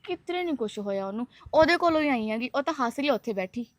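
A young woman playing a caring college student who calms her friend and coaxes an elder politely. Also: sits high, quick pace, no echo. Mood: coaxing. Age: young adult. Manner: soothing, coaxing. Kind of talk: film acting.

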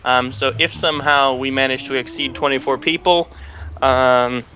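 A man on a dull, lo-fi voice-chat line explains a game build step by step. His voice is bright and forward, and he talks in a methodical way with plenty of ums. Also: medium pitch, steady tone, normal speed. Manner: methodical, filler-heavy explaining. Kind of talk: casual gaming chat on voice call.

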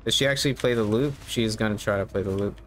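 A man's voice: on the low side, fast. Easygoing man commentating over game noise. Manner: easygoing, musing to himself as he plays. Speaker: game streamer. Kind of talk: casual live gameplay commentary. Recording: clear background game noise. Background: game ambience.

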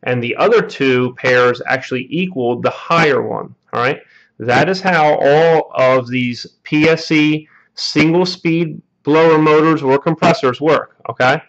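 Tradesman, mid-pitch, teaching a repair at a bench, dull lo-fi camera sound. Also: gravelly. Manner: explanatory, peppers lines with "all right?" and "okay?". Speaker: HVAC technician. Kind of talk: hands-on repair tutorial.

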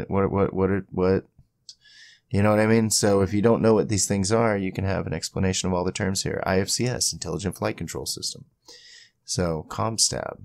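Clean studio sound with no room ambience carries this casual software tutorial, hosted by a man with a low, gravelly voice. He chats informally, rambling somewhat and thinking out loud through each on-screen step.

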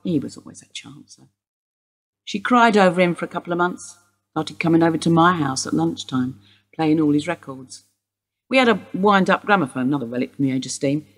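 Here the performer's voice is low, animated and brisk. The role is again Mrs Steele, a wistful English widow and suspect, meandering through memories as police interrogate her in a radio play.

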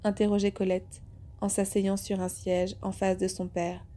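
Mellow-voiced woman reading aloud. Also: medium pitch, flat delivery, moderate pace. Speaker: audiobook reader. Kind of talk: scripted narration.

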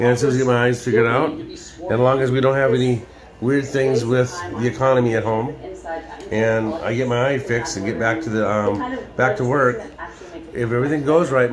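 An older man vlogging in a casual, rambling way, full of ums and restarts. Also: mid-range voice. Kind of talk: casual video diary chat. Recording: busy crowd noise behind.

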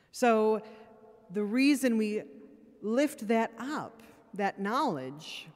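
Her voice sits at medium pitch with a darkish tone as she, a woman priest, gives a sermon through a pulpit microphone in church. She comes across as earnest, plain-spoken, wryly humorous and slightly tired, and the recording carries a long church reverb.

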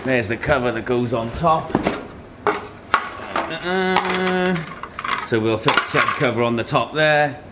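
Slow-paced and expressive, a mid-range male voice belongs to a thirty-something host doing a relaxed tech unboxing. He talks in brief phrases as he handles the boxes and gear in an office meeting room, where echo, background noise and handling clatter are all audible.

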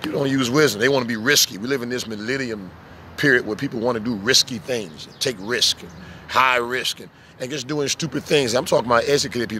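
A man preaching casually outdoors as a street preacher, telling animated stories and acting out little voices. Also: mid-range voice, slight background noise. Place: outdoors in the sun.

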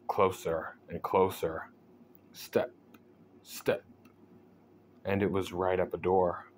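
A man reading a scary story aloud as a storyteller, in a measured, deliberate, suspenseful way with pauses. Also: sits low, a little hiss or hum. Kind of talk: scripted horror story narration.

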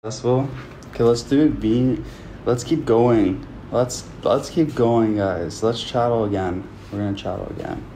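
A young Canadian man hosts a casual livestream, holding his phone at arm's length in a small room and chatting with viewers. His mid-range voice has a dark tone and moves at normal speed, and he's chatty, talks to himself, and stays upbeat with his audience. The recording is rough, with slight background noise.

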